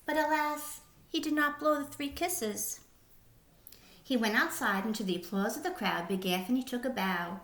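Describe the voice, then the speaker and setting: A woman's voice: a little high, normal speed, fairly bright tone, echoey room. A woman narrating a children's picture book expressively, like a teacher reading aloud.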